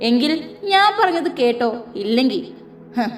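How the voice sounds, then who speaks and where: Lady doing a cold bossy bad guy, threatening, bit high voice, soft music under. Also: animated, moderate pace, close to an everyday voice. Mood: menacing. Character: ruthless threatening male villain, young adult.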